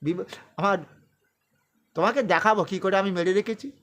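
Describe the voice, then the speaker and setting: A preacher voicing a stern divine lord. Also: male voice, sits high, normal speed, a bit bright. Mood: solemn, stern.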